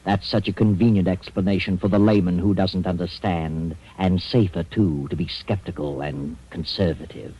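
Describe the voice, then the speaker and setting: An actor playing a sinister, mysterious storyteller in 1940s radio drama, slow and insistent. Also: male voice, low-pitched, steady tone, husky. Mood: ominous, knowing. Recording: muffled vintage radio recording.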